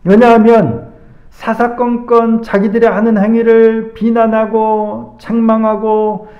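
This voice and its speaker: A male pastor delivering a sermon in a slow, deliberate preaching manner, now and then acting out the voices he quotes. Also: high voice, darkish tone, reverberant, muffled recording. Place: church sanctuary.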